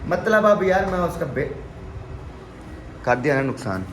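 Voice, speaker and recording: A man's voice: fairly high pitch, sing-song, unhurried, fairly bright tone, a little hiss or hum. A young man from Pakistan speaking with a tinge, vlogging casually to camera in an earnest, pleading way. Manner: earnest, pleading, repeats "okay?" tags. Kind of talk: casual vlog talk to camera.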